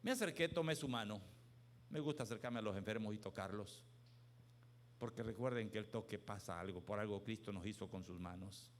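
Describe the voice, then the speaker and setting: A man preaching a sermon as pastor, telling stories with emphatic swings between hushed and loud delivery. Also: lowish voice, a little fast, slight background noise.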